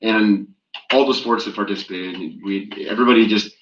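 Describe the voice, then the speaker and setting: A man's voice: fairly low pitch, steady tone, normal speed, a bit bright. A man on a school board enthusiastically thanking staff and coaches. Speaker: board member. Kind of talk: meeting remarks. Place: school library meeting room. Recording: echoey lo-fi meeting room.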